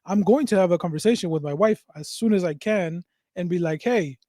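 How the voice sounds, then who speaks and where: A man's voice: high-pitched, a little fast, mellow, dry recording, clean studio sound. A man co-hosting a podcast, thinking aloud in an earnest way and swearing casually. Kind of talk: casual reflective chat.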